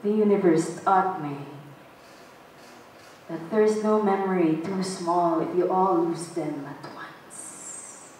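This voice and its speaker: Woman reciting slow dramatic spoken-word poetry. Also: on the low side, fairly even intonation, slight background noise. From Philippines. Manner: slow, dramatic delivery with shouted outbursts. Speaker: performance poet. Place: stage in a large hall. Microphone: stand mic, filmed from a distant camera. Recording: echoey hall from far off.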